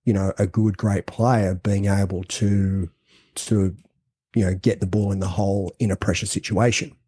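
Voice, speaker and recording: A man co-hosting a casual podcast conversation, explaining ideas in a halting way with many restarts and fillers. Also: deep voice, little pitch movement, mellow, breathy edge, no room sound. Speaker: co-host.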